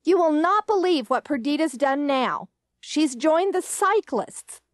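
A woman putting on a grown daughter's high, indignant voice, her pitch climbing as she complains. She sounds outraged and put-upon, and the reading is dry and close. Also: lively intonation, unhurried, dry recording.

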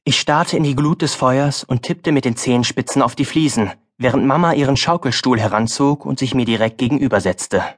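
A man reading a fantasy audiobook in a calm, even, first-person storytelling manner. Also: medium pitch, a little fast, hardly any pauses. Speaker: audiobook narrator. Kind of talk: scripted first-person narration.

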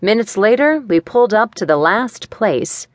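A woman reading a first-person thriller aloud in a measured, matter-of-fact way, on a studio microphone. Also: mid-range voice, big pitch swings, no echo. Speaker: audiobook narrator.

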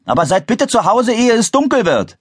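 Guy doing a mom calling out reminders, high voice, dry room. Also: very animated, normal speed, husky, no echo, heavily acted. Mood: admonishing. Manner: calling out, admonishing. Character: caring mother, gently admonishing.

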